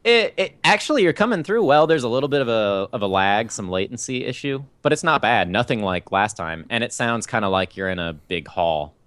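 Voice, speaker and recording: A man's voice: lowish voice, brisk, hardly any pauses, a bit bright, clean tone. An American man hosting a podcast in a casual, chatty style. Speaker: podcast host. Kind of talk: casual chat.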